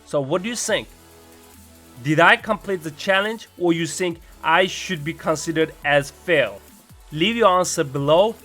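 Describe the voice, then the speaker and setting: A young man with a fairly high voice and a non-native English accent talks to his viewers in an earnest, encouraging way. It sounds like a personal fitness vlog, with music playing behind him. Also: a little slow, sharp tone. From Uyghur region. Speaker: vlogger recapping a fitness challenge.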